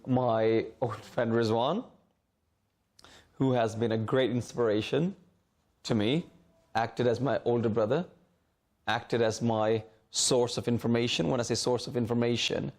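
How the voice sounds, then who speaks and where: A middle-aged alumnus from Hong Kong returns as a guest speaker and talks informally to students while seated in a school library. His voice is medium-pitched and darkish, and he often repeats words while searching for the right phrasing.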